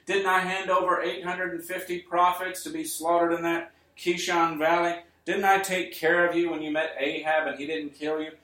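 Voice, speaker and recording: A man's voice: fairly high pitch, flat delivery, normal speed, few pauses, sharp tone, voice pushed up. A male preacher voicing God, firing off reproachful rhetorical questions, in a roomy space with a distant mic. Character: God, stern yet caring almighty father.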